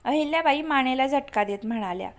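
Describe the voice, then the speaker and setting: Woman, storyteller, high voice, steady measured reading. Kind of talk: scripted narration.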